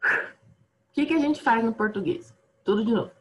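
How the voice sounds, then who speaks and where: A woman from Brazil teaching grammar online in a chatty, self-deprecating way, with a slightly high voice. She sounds tired, and her voice often trails off quietly as she works through the lesson. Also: lively intonation, normal speed.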